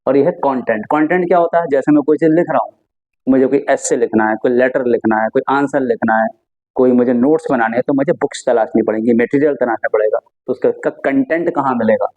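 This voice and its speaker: A man's voice: mid-range voice, fast, a little mellow. A male teacher giving a lesson, explaining patiently with rhetorical questions and many examples. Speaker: English teacher. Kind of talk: classroom lesson explaining vocabulary. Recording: slightly dull lo-fi recording.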